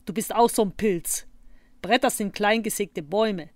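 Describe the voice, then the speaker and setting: A woman's voice: mid-range voice, moderate pace, a little mellow, dry recording, lightly acted. A woman voicing a snippy know-it-all boy in a storybook reading.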